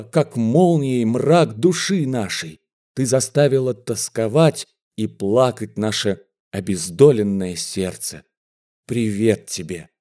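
A man voicing a big, pompous male prisoner who booms and stammers, swallowing sounds in his emotion, in an audiobook. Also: dark tone.

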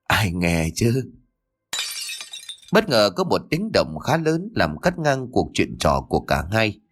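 A man's voice: fairly low pitch, wildly swooping pitch, unhurried, slight background noise. A man narrating a scripted horror story in a dramatic, suspenseful way.

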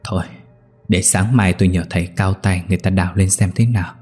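A shaken father stammering in fear, as a man puts him on, his husky voice pushed higher than the narrator's own. Faint music runs underneath. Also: fairly even intonation, quick pace, a little mellow. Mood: frightened. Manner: stammering, frightened. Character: terrified middle-aged father.

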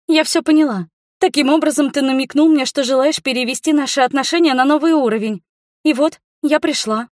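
A reader voicing a clingy, lovestruck young female mage student who pleads in a shrill, breathless way. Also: fairly quick, darkish tone, no echo, clean studio sound, lightly acted. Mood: pleading.

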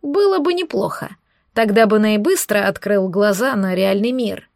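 A woman's voice: mid-range voice, expressive, moderate pace, creaky, darkish tone, no room sound, studio quality. A woman putting on a cheeky mocking male demon. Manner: mocking, offhand drawl.

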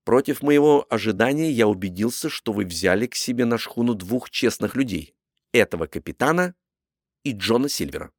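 A man voicing a calm, measured gentleman doctor. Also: medium pitch, no room sound, studio quality, close to an everyday voice.

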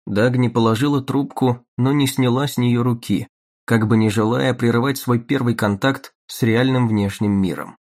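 Guy reading an audiobook, steady measured narration, mid pitch. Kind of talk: scripted narration.

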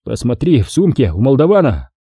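A gruff sergeant-major, wounded and hoarse, grumbling through the pain, as a man puts him on. The voice is dark and raspy, lifted a little above the narrator's own. It is a dry, close reading. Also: medium pitch, very animated, brisk, no echo.

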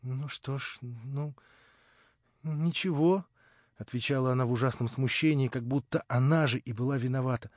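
A man voicing a shy, embarrassed young woman who speaks softly and quietly. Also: mid-range voice, steady tone, fast, no room sound, close to an everyday voice. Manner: hushed and soft. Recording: dull dry lo-fi recording.

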